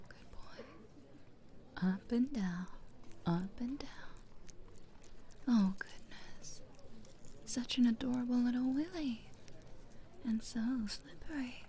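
A woman speaking in a soft, coaxing, teasing whisper close to the mic, as in an intimate audio roleplay. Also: on the high side.

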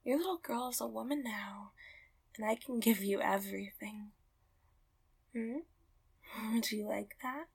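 A woman performing an intimate roleplay in soft, close whispers, often laughing quietly. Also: a little high, measured pace, gravelly, long pauses, breathy edge.

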